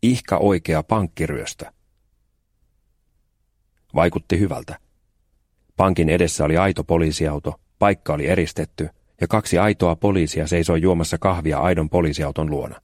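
A man reads a children's story in a calm, even way with dry, deadpan timing. His voice sits very low. He is recorded close on a studio mic with no room echo. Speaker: audiobook narrator. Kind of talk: scripted narration.

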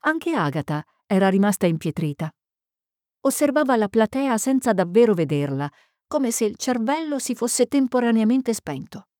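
A woman narrating a mystery novel in a measured, suspenseful reading. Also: a little high, sing-song, a little mellow, no room sound, studio quality. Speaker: audiobook narrator. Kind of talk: scripted narration.

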